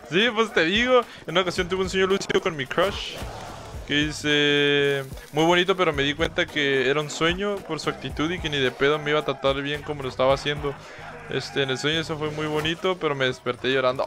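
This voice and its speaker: A man's voice: a little high, bright, forceful tone. A young man in his twenties with a Mexican accent, a streamer telling rambling stories in casual, profane slang to his chat. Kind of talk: casual storytelling to a live chat.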